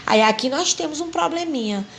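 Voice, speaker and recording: A woman with a high voice teaches a recorded English lesson in Portuguese. She goes through each rule patiently, spelling letters out and repeating herself. Faint background noise sits under her voice. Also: animated, brisk. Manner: patient, spells out rules step by step and repeats them.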